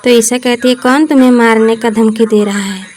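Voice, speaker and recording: A woman slowly retelling a TV serial's plot in a casual, halting way, with many pauses. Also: fairly high pitch, fairly even intonation, a little mellow. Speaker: TV serial recap narrator. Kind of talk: casual spoken story recap.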